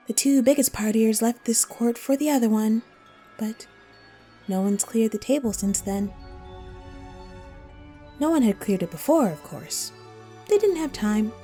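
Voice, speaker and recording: A woman voicing a teasing, riddling female cat from Wonderland in an audio roleplay, coy and playful with drawn-out, whimsical phrasing. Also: sits high, dark tone, breathy edge, full character voice. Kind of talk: scripted audio roleplay addressed to the listener.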